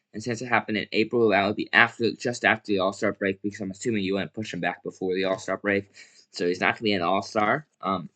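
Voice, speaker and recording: A man's voice: fairly low pitch, bright, forceful tone. A young man casually giving his opinions on basketball, rambling and correcting himself with lots of fillers. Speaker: basketball commentator. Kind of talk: casual solo sports commentary.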